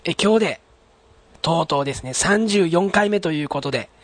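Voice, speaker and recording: A man's voice: fairly high pitch, lively intonation, moderate pace, no room sound. A man hosting his own solo podcast in a polite, chatty way, full of fillers, reading out a listener's letter. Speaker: podcast host.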